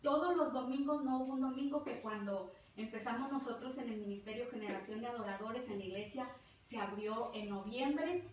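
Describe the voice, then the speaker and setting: A middle-aged Mexican-accented woman delivers a fervent testimonial sermon, repeating words for emphasis, in a slightly high, brisk voice. She's recorded on a distant mic in a very echoey hall with faint ambience and a little hiss or hum.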